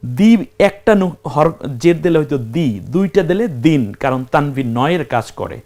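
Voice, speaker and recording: A man's voice: fairly high pitch, expressive, measured pace, darkish tone. A man teaching Quran reading, asking questions and answering them himself while spelling out letters one at a time. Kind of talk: step-by-step recitation lesson.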